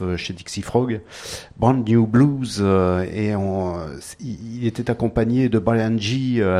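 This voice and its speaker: Male radio host, low mellow voice, hesitant and full of fillers. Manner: hesitant, many fillers and restarts. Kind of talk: radio show presenting.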